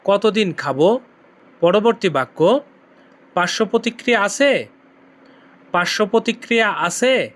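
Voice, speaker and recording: Slow high-voiced male teacher. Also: lively intonation, fairly bright tone. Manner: repeats each phrase slowly, drawing out words. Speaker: language teacher. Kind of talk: slow repeat-after-me lesson.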